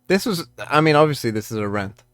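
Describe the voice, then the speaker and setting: A man delivering an unscripted commentary rant, exasperated and incredulous, moving between measured explanation and worked-up emphasis. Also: mid-range voice, lively intonation, a bit bright, dry recording, clean studio sound, soft background music. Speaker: video creator ranting about card game balance.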